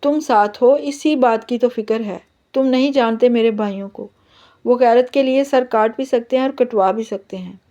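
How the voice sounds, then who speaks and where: Hurt, quick-tempered young bride, as a woman reads her. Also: fairly high pitch, mellow, close to an everyday voice.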